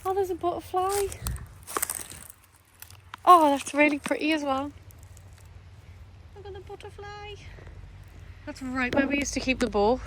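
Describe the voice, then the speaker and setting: A woman chatting casually and rambling as she vlogs on a handheld camera. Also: on the high side. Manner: chatty, rambling, laughing asides. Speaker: vlogger. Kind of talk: casual vlog chat. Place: outdoors by a lake. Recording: outdoor noise.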